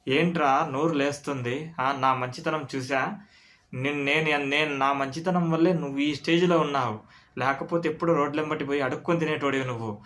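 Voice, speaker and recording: A man playing a furious middle-aged friend in a spoken story, raising his voice and pitch to hurl scornful insults, rough and contemptuous all through. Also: steady tone, a little fast, natural voice. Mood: angry. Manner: shouting and scornful.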